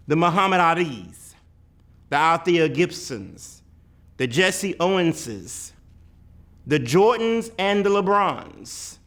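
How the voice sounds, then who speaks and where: With weighty pauses and strong emphasis, a higher-voiced man performs a poetic picture book as dramatic verse. His intonation swings in a highly animated way.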